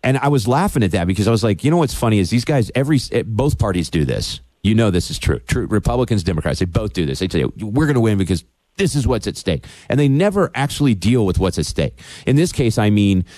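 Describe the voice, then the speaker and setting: A radio talk show host interviewing a guest, opinionated and getting worked up. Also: male voice, fairly low pitch, very animated, quick pace, hardly any pauses, a little mellow, no echo.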